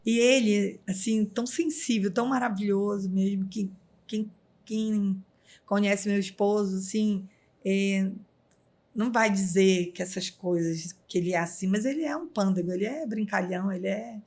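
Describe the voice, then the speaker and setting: A woman's voice: medium pitch, normal speed, darkish tone. Earnest Brazilian woman telling her story. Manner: earnest, many fillers like "né". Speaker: guest. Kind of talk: emotional personal storytelling.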